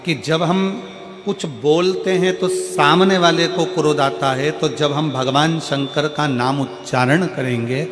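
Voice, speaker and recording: A man's voice: on the high side, fairly even intonation, measured pace. A man preaching a devotional sermon to a crowd, repeating his phrases in a building rhythm and breaking into a sung hymn. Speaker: preacher telling a religious story. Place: large hall at a live religious gathering.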